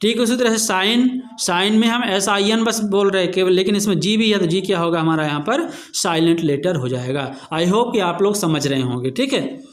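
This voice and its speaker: A man's voice: sits high, normal speed, hardly any pauses. A man teaching a revision lesson, spelling words out letter by letter and answering his own questions as he explains.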